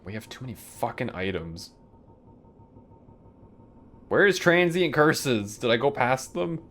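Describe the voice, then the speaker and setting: A man's voice: medium pitch, very animated, a little slow, fairly bright tone, slight background noise. A young man streaming a video game, chatting casually in a rambling, profane way and chuckling often. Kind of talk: casual chat while playing a game live.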